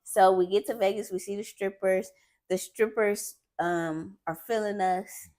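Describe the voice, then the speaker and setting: A woman's voice: medium pitch, fairly even intonation, a little slow, a little mellow. A woman hosting a podcast, chatting casually with a teasing, giggly manner. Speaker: podcast host. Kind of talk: casual chat.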